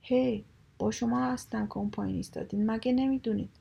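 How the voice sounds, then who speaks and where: A vain, chatty storybook turtle who brags and snaps at anyone who doubts him, as a woman reading the tale puts him on. The voice is husky and gravelly, with a dark, mellow tone. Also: on the low side, highs cut off, full character voice. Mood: shouting. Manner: boastful, snappish. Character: proud talkative male water turtle.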